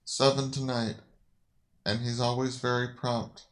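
A woman's voice: extremely low pitch, little pitch movement, voice pushed down. A woman voicing a meek, entranced male sidekick who stammers and mumbles in a faltering way. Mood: dazed. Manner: slow, faltering, stammering murmur. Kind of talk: audio story reading.

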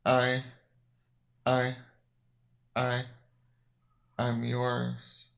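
A woman's voice: a bass voice, completely flat delivery, creaky, voice pushed down, heavily acted. A woman voicing a meek, entranced male sidekick who stammers and mumbles in a faltering way. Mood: dazed. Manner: slow, faltering, stammering murmur. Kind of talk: audio story reading.

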